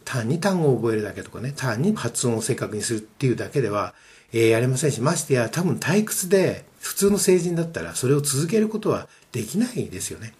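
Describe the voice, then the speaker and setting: Brisk, animated man lecturing. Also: mid-range voice. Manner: emphatic, explaining, with rhetorical questions. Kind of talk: spoken lecture on study methods.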